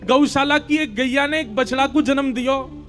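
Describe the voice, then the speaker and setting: A man's voice: very high voice, normal speed, a bit bright, faint music behind, pitched above the performer's own voice. A male preacher voicing the child Krishna, a mischievous three-year-old who complains in a sobbing, childlike way. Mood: complaining. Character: little boy Krishna, three and a half, mischievous.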